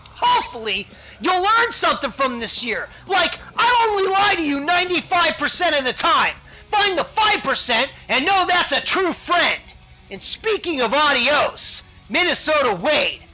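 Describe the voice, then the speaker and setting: A man hosting a fantasy football league podcast, delivering a profane roast rant and shouting crude insults with frequent laughter. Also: very high voice, big pitch swings, moderate pace, faint music behind, low-quality recording.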